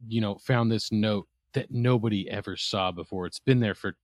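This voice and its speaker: A man co-hosting a podcast in casual chat, adding relaxed interjections and chuckles. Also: fairly low pitch, moderate pace, no room sound, studio quality. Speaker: podcast co-host.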